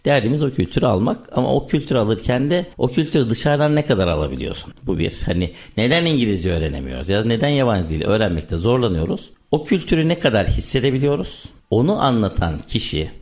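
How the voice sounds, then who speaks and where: A man's voice: medium pitch, fast talker, hardly any pauses. A man explaining things in casual conversation, telling stories and giving examples. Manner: animated storytelling with examples. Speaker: conversation leader on language learning.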